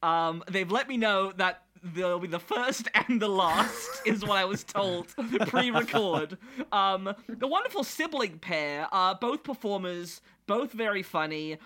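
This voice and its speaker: A man hosting a podcast, chatting casually in an animated, jokey way. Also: high voice. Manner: animated, jokey, quick asides. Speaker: podcast host.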